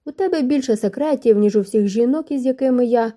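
A woman reading the lines of a passionate, impatient young gentleman in an audiobook, in an earnest, pressing way. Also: on the high side, animated, moderate pace. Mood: insistent.

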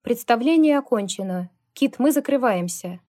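A woman's voice: on the high side, animated, moderate pace, dark tone, pitched above the performer's own voice. A woman reading a storybook, voicing a big, protective older biker who barks and growls his words. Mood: curt. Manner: gruff, barking.

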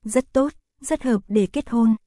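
A woman voicing a patient, caring young man in an audio story, spoken calmly and gently. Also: a little high, measured pace, no room sound, clean studio sound, lightly acted. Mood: gentle.

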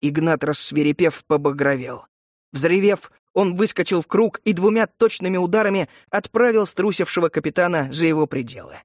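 Man narrating an audiobook, fairly high voice. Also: normal speed, no echo, clean studio sound.

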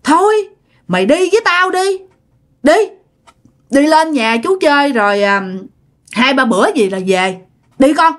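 A Southern Vietnamese woman voicing a folksy older male exorcist who speaks gruffly and bluntly. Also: high-pitched, expressive, measured pace, long pauses. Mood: coaxing.

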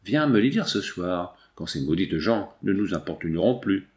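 A man's voice: deep voice, sing-song, moderate pace, a little mellow. A man reading an earnest young wife. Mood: tender. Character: young married woman, reconciling lover.

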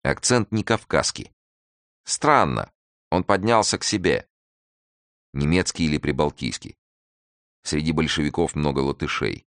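A man narrating a detective audiobook in a measured, even storytelling manner. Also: rumbling low, clean tone, no echo.

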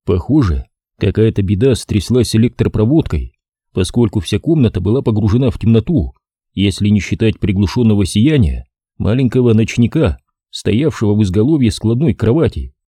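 A man reads a first-person detective story in a measured, wry way. His low voice is deeply dark and husky, with lively rises and falls. The sound is dry and close to the mic. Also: dry recording. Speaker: audiobook narrator. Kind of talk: scripted first-person narration.

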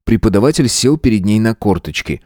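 A man reading an audiobook in a steady, measured narration. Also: lowish voice, no echo, studio quality. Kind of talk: scripted narration.

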